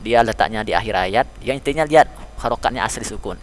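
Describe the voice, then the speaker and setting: A man teaching tajweed, repeating letter sounds slowly and patiently, speaking as a father figure to his pupils. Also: fairly low pitch, lively intonation. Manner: calls listeners "nak", speaks as a father figure. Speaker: Quran recitation teacher. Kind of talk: tajweed lesson.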